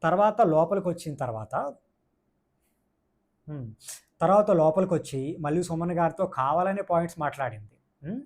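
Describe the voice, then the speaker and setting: A man's voice: on the high side, expressive, moderate pace, long pauses, darkish tone. A man giving a casual, opinionated review of a reality show, mixing in English words and repeating his points for emphasis. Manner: mixes English words into speech.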